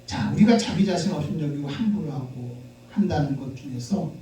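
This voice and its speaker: A male pastor preaching a sermon with animated call-and-response delivery that rises into shouts. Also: on the high side, fairly quick, heavy reverb, recorded from a distance, a little hiss or hum, poor audio. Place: church sanctuary.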